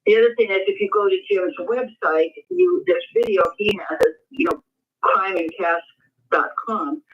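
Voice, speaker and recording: A man's voice: high voice, lively intonation, moderate pace. A man in a remote conversation, cautiously probing the case and often repeating himself. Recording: dull distant call audio.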